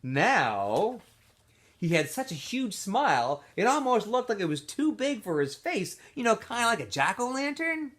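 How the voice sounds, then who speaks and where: His voice sits high and moves a little slowly as he brings a storybook to life for students, reading expressively and chatting casually with them between lines.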